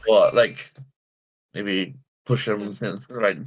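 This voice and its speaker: A man playing a tabletop game, chiming in with quick, casual questions. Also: fairly low pitch, a little hiss or hum. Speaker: player. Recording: dull lo-fi mic.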